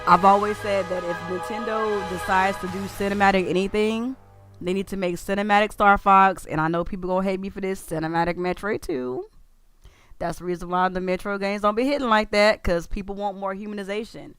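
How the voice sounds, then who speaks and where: A man's voice: sits high, fairly even intonation, a little fast, over music. A man streaming a casual reaction to a game trailer, talking in an informal, slangy and emphatic way.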